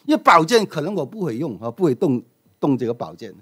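A man preaching as pastor, telling a story in a lively, emphatic way. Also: fairly high pitch, fast, slightly rough. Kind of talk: sermon with storytelling.

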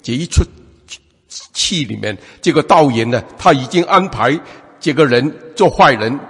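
Husky preacher man in an echoing hall. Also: medium pitch, measured pace. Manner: lively preaching, many repeated fillers and restarts. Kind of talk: sermon. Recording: long hall reverb.

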